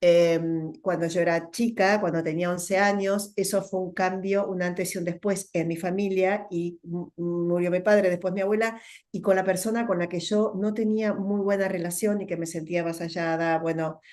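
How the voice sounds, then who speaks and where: A middle-aged woman with a Rioplatense Spanish accent, a guest telling her story in a thoughtful interview, often pausing and repeating words as she searches for them. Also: fairly low pitch, steady tone, a little mellow. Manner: thoughtful, with many fillers and repetitions. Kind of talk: reflective conversational interview.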